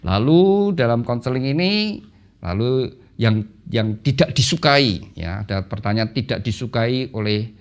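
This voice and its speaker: A man teaching a premarital class at church, speaking casually and often addressing listeners as brothers and sisters. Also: a little slow. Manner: lively, addresses listeners as "saudara"; acts out quoted voices with sudden pitch jumps.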